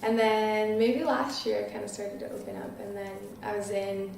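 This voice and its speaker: A woman's voice: mid-range voice, steady tone, moderate pace, creaky, a little mellow, distant mic, a little hiss or hum. A nineteen-year-old woman answering interview questions casually, giggling and using lots of "like" fillers. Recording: very echoey room, voice off-mic.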